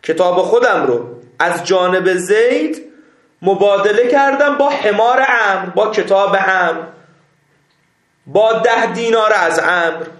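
A man teaching a seminary class, reading Arabic text slowly and explaining it step by step, often checking that his students follow. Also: sits high, a bit bright, reverberant. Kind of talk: classroom lecture on Islamic jurisprudence.

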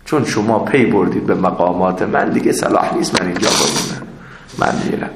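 A sly, smooth-talking village trickster posing as a holy man, put on by a male teacher, dropping his voice low and gravelly. He speaks calmly and knowingly, and the sound rings in an echoey room. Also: slight background noise.

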